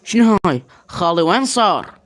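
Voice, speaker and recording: A man with an Iraqi Arabic accent and a high, slightly bright voice acts out an improvised comic role-play skit, voicing several characters while narrating game play. He's very animated and fairly quick, hesitating and repeating his words.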